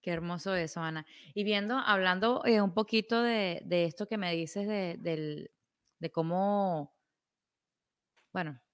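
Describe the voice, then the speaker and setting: A woman's voice: lowish voice, a little slow, clear, resonant tone. A woman hosting an interview, asking questions in a hesitant way and searching for her words. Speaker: interview host. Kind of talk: conversational interview.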